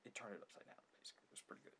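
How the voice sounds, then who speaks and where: In a meandering ASMR opinion piece, a male creator speaks with a gravelly, husky voice, halting and emphatic, circling back to repeat and reword his points. His tone is sharp, and there's a slight hiss or hum in the audio.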